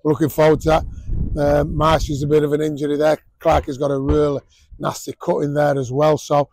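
A man's voice: on the high side, completely flat delivery, fairly quick, darkish tone, a little hiss or hum, low-quality recording. A man, a rugby coach giving a blunt post-match interview outdoors, full of fillers and restarts. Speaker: rugby league head coach. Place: outdoors at a sports ground.

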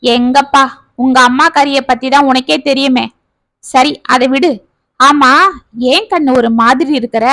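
A woman storyteller voicing a gentle, long-suffering aging village father who speaks tenderly to his children. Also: sits high, fairly even intonation, a little slow, long pauses, no room sound.

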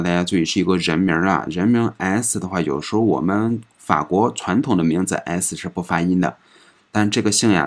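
A man teaching a recorded pronunciation lesson, patiently explaining and saying each example word several times in a drawn-out way. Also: low voice. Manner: patient explaining, ends phrases with soft particles. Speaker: French language teacher.

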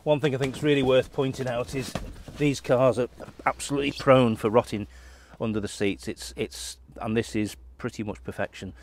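At normal speed and with hardly any pauses, a middle-aged man with a medium-pitched voice casually walks around a classic car for an auction. It's unscripted, loaded with fillers and restarts, and set in a large indoor warehouse.

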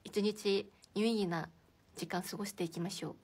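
A woman's voice: mid-range voice, steady tone, normal speed, darkish tone, breathy edge. A young woman hosting a casual livestream from indoors, chatting and giggling as she reacts to viewer comments. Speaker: idol livestream host.

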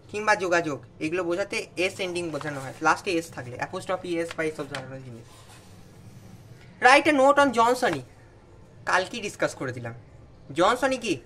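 A man's voice: high-pitched, fairly bright tone, a little hiss or hum. A young man with a Bengali accent giving an exam revision lesson, explaining terms and checking that students follow. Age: young adult. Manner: explains terms then asks students "understand?". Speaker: tutor.

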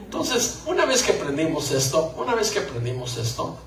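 A man's voice: on the high side, huge pitch swings, brisk, roomy sound, far from the mic, crowd noise, low-quality recording. A man gives a joking live talk to couples about marriage and acts out little scenes. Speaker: conference speaker on marriage.

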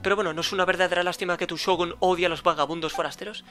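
A man with a Spain Spanish accent voicing a cocky, mocking male treasure thief in a game, with quick banter. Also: high voice, steady tone, fairly bright tone. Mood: teasing.

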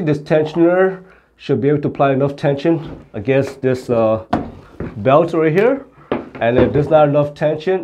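This is hands-on instruction to camera: a middle-aged auto repair instructor plainly explains car repair one step at a time. His voice sits in the mid range, with noise in the background.

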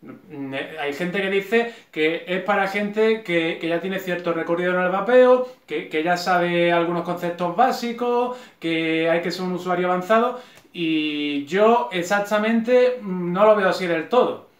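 A man's voice: high voice, a little slow, roomy sound. A man with a Spanish accent talking casually from his sofa, ranting with sarcasm and many restarts. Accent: Spanish from Spain. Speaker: vlogger. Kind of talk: casual opinion vlog. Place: home living room, on a sofa.

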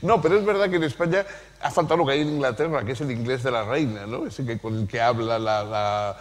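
A man's voice: medium pitch, fast talker. A man from San Sebastián speaking as a panelist, jovial, repeating himself and laughing easily. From San Sebastián, Spain. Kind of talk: live panel conversation. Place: lecture hall at a public event. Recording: hall reverb.

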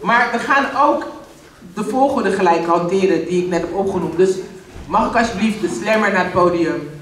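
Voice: medium pitch, normal speed, a bit bright, a little hiss or hum. A playful host running a poetry slam, announcing the rules with jokes and English catchphrases. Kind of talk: lively stage hosting. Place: reading room at a poetry slam, audience present. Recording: roomy hall with audience, voice from a distance.

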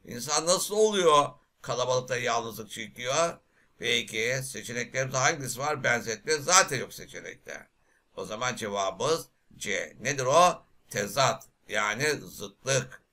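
Bright-voiced male literature teacher. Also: medium pitch, unhurried. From Turkey. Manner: lively, asks the class questions and answers himself. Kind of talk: exam prep lecture.

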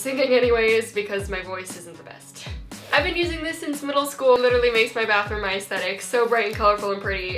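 A woman's voice: on the high side, fairly bright tone, reverberant. A young woman hosting an upbeat haul vlog, bubbly and self-mocking, giggling often between lines. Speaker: YouTuber.

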